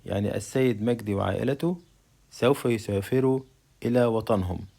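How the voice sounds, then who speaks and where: A male English teacher with an Egyptian Arabic accent, leading a vocabulary lesson. He says each English word slowly twice for pupils to repeat, then gives its Arabic meaning. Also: lowish voice, creaky, mellow, breathy edge.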